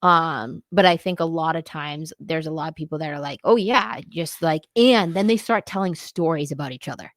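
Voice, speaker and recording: Low-voiced woman co-hosting a candid chat. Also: fairly quick, few pauses, no echo, studio quality. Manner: reflective, earnest, loose phrasing. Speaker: podcast co-host. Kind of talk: candid casual chat about marriage.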